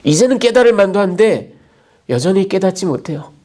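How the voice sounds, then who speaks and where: A man's voice: high voice, expressive, a little fast, dark tone. A male pastor preaching a sermon in a conversational way, often checking in with his listeners through rhetorical asides.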